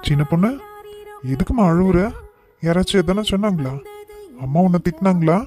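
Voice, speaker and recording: A man voicing a gentle young husband in a cartoon, tenderly coaxing his crying wife. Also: high voice, brisk, faint music behind, lightly acted. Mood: comforting.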